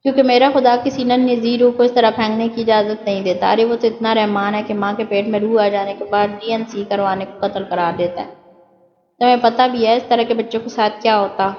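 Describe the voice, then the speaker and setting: A woman's voice: fairly high pitch, steady tone, lightly acted. Earnest young man read by a woman, impassioned, dull echoey sound. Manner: impassioned pleading.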